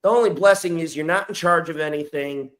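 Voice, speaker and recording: A man's voice: fairly high pitch, fairly quick. A man hosting a podcast, delivering a profane comedic roast full of crude mocking insults. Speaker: podcast host.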